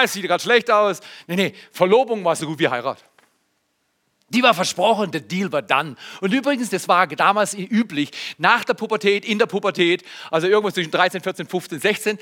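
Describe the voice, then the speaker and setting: Male pastor, high and bright voice, lively conversational preacher who speaks straight to the congregation. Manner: conversational, animated preaching with asides and questions to the congregation. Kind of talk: sermon.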